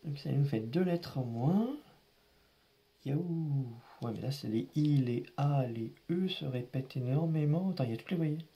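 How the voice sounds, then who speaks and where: A man's voice: fairly high pitch, moderate pace, mellow, highs cut off. A man giving casual running commentary while scratching lottery tickets, grumbling and exasperated, muttering to himself.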